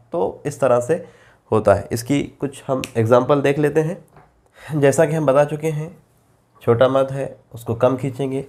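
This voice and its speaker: A man with an Urdu accent and a medium-pitched voice gives a slow Quran reading lesson. He draws out the example syllables at great length.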